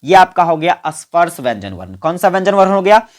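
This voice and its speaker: A man's voice: high-pitched, sing-song, a little fast. Guy teaching exam grammar, asks questions then answers them himself, makes you say sounds along with him. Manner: quizzes listeners and answers his own questions; has listeners repeat sounds with him. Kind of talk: exam-prep grammar lesson.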